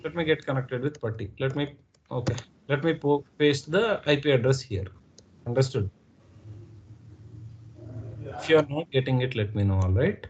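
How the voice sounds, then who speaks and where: A man's voice: mid-range voice, moderate pace, pauses often, highs cut off. Indian guy teaching a class online, patient, keeps asking understood?, bit of hiss. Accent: Indian English. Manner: patient, repeats and checks understanding. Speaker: instructor.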